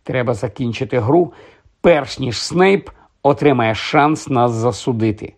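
A man voicing an earnest young sports team captain in an audiobook, speaking low and urgently. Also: unhurried. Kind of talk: audiobook character voice.

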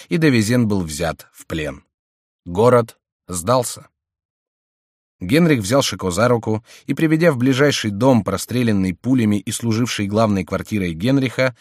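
Low-voiced man reading a novel. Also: no room sound, clean studio sound. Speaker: audiobook narrator. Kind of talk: scripted narration of a historical novel.

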